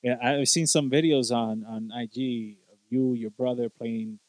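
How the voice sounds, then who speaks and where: A man's voice: mid-range voice, steady tone, moderate pace, a little mellow, no room sound. A man in his thirties hosts a casual chat, joking and slipping into Spanish. His voice sits in the middle range. The recording is dry and close. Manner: jokey, does comic voices, switches to Spanish. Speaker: podcast host.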